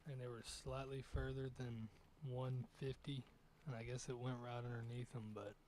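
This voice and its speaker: A man's voice: medium pitch, level tone, moderate pace, a little mellow, slight background noise. A young man streaming a hunting game, giving casual, rambling commentary as he thinks aloud over his shots.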